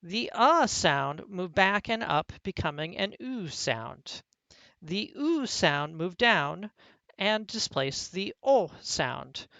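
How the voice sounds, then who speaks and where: A speaker delivering a scripted parody lecture as a mock college professor, in a deadpan, mock-serious manner. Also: medium pitch, slow pace, gravelly, no echo.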